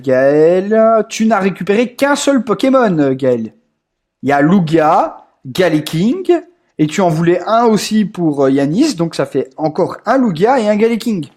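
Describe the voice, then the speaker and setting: A young man with a high-pitched voice runs a casual group voice call. He rambles, trips over his words and repeats himself often, with plenty of filler sounds. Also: darkish tone. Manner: rambling, lots of hesitations and repeats. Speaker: group staff host.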